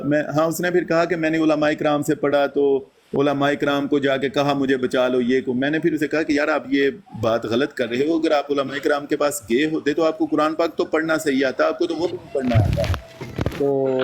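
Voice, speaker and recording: Husky-voiced man telling a story. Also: on the high side. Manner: recounts events and quotes himself in lively dialogue. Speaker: guest recounting a debate. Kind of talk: casual storytelling.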